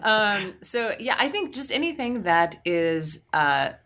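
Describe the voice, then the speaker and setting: A woman's voice: mid-range voice, big pitch swings, slow, fairly bright tone. A woman voiceover actor talking casually in a podcast interview, chatty, with many fillers and restarts.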